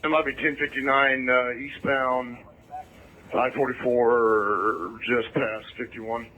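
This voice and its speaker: A man's voice: mid-range voice, steady tone, pushed and bright. Man talking in clipped police radio codes. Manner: clipped and halting, reading out codes and plates. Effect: police radio transmission. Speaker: police officer on patrol. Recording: muffled lo-fi radio transmission.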